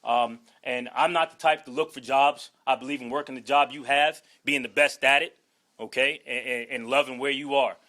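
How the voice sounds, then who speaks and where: A man's voice: medium pitch, fairly even intonation, moderate pace, sharp tone. A man from Washington, D.C., in his forties, a new head football coach giving an earnest, emphatic introductory speech and often tagging lines with "okay?". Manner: emphatic, punctuates with "okay?" and "all right?"; earnest, holding back emotion. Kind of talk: introductory press conference speech.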